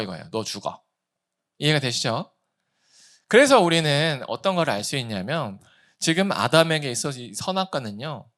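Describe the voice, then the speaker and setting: A man preaching a sermon as pastor, in a conversational way, asking the congregation questions and acting out the complaints he quotes. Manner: lively, acts out quoted complaints with big swings in pitch and volume.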